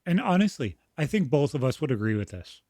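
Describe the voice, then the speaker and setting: A man's voice: medium pitch, sing-song, a little fast, warm tone, no room sound. Blunt, swearing podcast man. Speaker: podcast co-host. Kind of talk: casual political chat.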